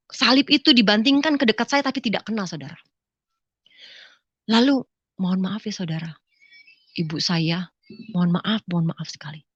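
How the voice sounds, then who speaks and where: A middle-aged woman giving a church testimony to a congregation, telling her story with strong emotion, acting out the voices of others and dropping at times to a hush. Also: medium pitch, dry recording. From Indonesia (Palembang). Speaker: testimony speaker. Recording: dry, dull lo-fi sound.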